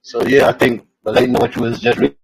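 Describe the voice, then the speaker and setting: A man's voice: medium pitch, level tone, fast talker, vocal fry, slight background noise. Man on a fuzzy, distorted, breaking-up phone line. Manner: loose and rambling, with many fillers. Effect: fuzzy, distorted phone line that keeps breaking up. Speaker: caller in an online group discussion. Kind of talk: casual spiritual sharing. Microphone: phone on a group call.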